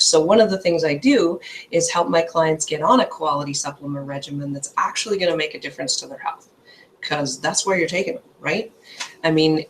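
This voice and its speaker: A woman's voice: fairly low pitch, a little hiss or hum. Chatty woman health coach. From Canada. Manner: chatty, emphatic, ends points with "okay?" and "right?". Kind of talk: informal health presentation.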